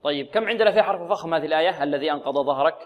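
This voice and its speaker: A male Quran recitation teacher giving a tajweed lesson on the radio, slowing and stretching example words and asking his students questions he then answers himself. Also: on the high side.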